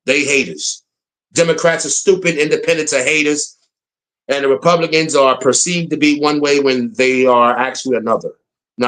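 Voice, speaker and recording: A man's voice: mid-range voice, a bit bright. An American man giving a blunt, slangy political rant, repeating his points for emphasis. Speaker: political commentator. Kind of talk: casual opinion rant.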